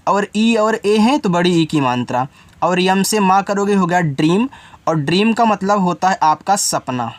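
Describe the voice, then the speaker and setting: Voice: medium pitch, expressive, measured pace, dry recording. Teacher patiently spelling out English words. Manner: spells words letter by letter, then explains meaning; talks directly to the learner, informal. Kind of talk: step-by-step spelling lesson.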